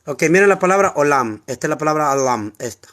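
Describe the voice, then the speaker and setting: A preacher with a Honduran Spanish accent teaches the Bible informally, explaining as he goes, repeating key words and posing rhetorical questions. His fairly high, fairly bright voice has lively intonation and a fast pace.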